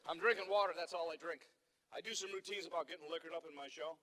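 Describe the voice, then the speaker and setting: High, bright-voiced rambling male comedian. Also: steady tone, quick pace. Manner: rambling storyteller with stammering restarts. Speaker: stand-up comedian. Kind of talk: stand-up comedy routine. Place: theater stage.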